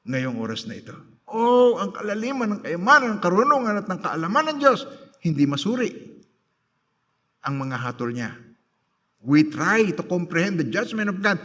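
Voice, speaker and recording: A Filipino man in his fifties preaching a sermon as pastor, mixing Tagalog and English and slowing down for emphasis. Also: on the high side. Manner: switches between Tagalog and English, dramatic slowed emphasis; emphatic preaching with quiet asides.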